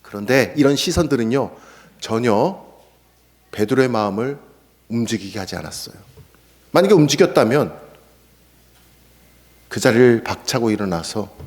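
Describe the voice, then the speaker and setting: A man's voice: mid-range voice, moderate pace, long pauses. A male pastor preaching an expository sermon, acting out the scripture voices. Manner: animated, acts out scripture quotes. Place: church sanctuary. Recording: echoey church hall.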